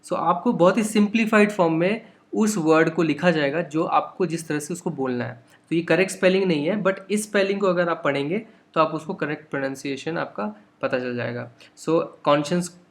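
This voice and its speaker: A young man with an Indian accent explains a textbook chapter line by line. He talks patiently, blending English words and phrases into his lesson. His voice sits a little higher than most men's. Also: normal speed, hardly any pauses. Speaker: English teacher.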